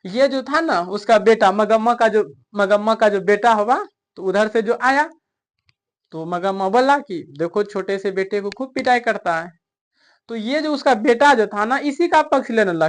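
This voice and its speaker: A man teaching a story lesson, chatty and coaxing, constantly quizzing his listeners. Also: sits high. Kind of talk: explaining a story in a recorded lesson.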